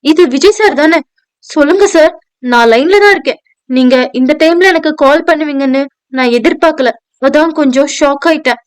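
A woman's voice: high voice, normal speed, smooth, no room sound, close to an everyday voice. A woman voicing a polite, anxious young working woman who speaks respectfully to her boss, in an audio novel. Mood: startled. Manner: hesitant, respectful, addressing a superior. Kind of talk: audio novel dialogue reading.

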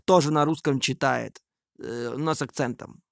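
Creaky-voiced man commenting casually. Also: mid-range voice, fairly even intonation, moderate pace, no room sound, studio quality. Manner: hesitant, improvised, thinking aloud. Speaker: video creator. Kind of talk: casual screen-recording commentary.

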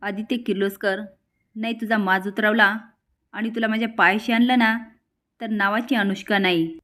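A woman's voice: mid-range voice, fairly even intonation, moderate pace, bright, forceful tone, natural voice. A woman voicing a scheming, jealous young wife who speaks with scorn and open threats. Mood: scornful.

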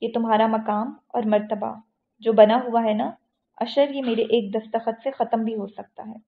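A commanding tycoon, stern and forceful with a gravelly edge, as a woman reads him in an audiobook. The sound is thin and tinny, like a phone line. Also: a little high, fairly even intonation. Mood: angry. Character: powerful angry middle-aged male tycoon.

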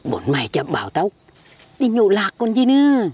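A woman playing a stubborn, grumpy old village man in a comedy sketch, with a gruff, sheepish way of grumbling. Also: mid-range voice, wildly swooping pitch, normal speed, darkish tone. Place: outdoors in a field.

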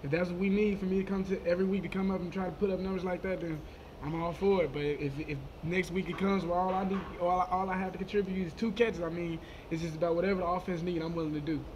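A college football player in his twenties answering post-game questions quickly, often repeating words as he goes. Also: sits high, flat delivery, noisy background. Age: 20s. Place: press conference room, indoors. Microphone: table microphone.

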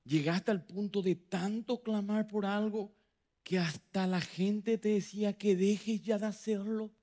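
A man preaching a sermon as pastor, dramatic, acting out quoted voices with big swings from loud to hushed. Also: sits high, fairly even intonation, unhurried. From Paraguay. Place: church hall.

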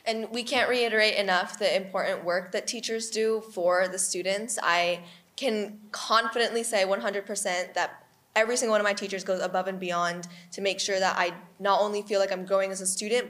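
A woman's voice: mid-range voice, fairly even intonation, a little fast, a bit bright. A young woman, a student MC, giving a fluent, earnest prepared speech at a podium. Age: young adult. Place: outdoor courtyard event, at a podium. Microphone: podium microphone.

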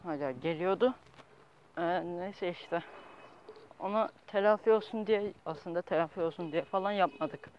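A young adult man vlogging casually as he walks, talking in halting, rambling fragments and often correcting himself. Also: sits high. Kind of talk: casual walking vlog. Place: outdoors, walking on city streets. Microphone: handheld phone at arm's length. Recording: dull handheld phone, outdoor street noise.

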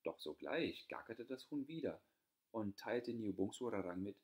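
A man reading a fairy tale aloud as an audiobook, telling it in a calm, even way. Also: lowish voice, normal speed. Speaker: audiobook reader.

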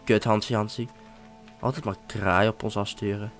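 A man giving casual commentary while playing a game, excitable and often swearing or exclaiming. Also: lowish voice, normal speed, soft background music. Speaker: let's-play gamer.

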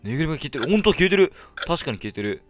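A man doing casual horror game commentary in an excitable, jumpy manner, crying out hard when startled. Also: fairly high pitch, rapid-fire, music in the background. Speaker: gameplay commentator.

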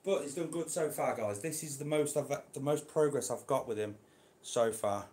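A man's voice: medium pitch, normal speed, a little mellow, roomy sound. Man coaxing a snake. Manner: coaxing, chatty, talks to the snake. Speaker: reptile keeper vlogger. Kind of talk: casual vlog. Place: indoor room.

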